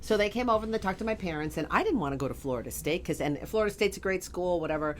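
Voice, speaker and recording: A middle-aged woman with a low, deep voice tells a story in a relaxed podcast interview. She is animated and laughs as she slips into quoted voices. Faint room noise sits behind her. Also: racing. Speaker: guest.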